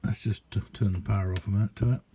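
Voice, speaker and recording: Here a man walks through a radio-hobby demonstration, talking loosely and pausing often without any rush. His pitch is on the low side, his tone steady and dark. Some slight background noise can be heard.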